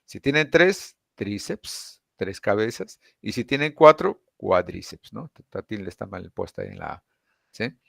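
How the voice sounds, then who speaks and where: Male lecturer, low gravelly voice, patient explainer, dry close sound. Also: very animated, a little slow, no echo. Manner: explanatory, with frequent tag questions. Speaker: anatomy teacher.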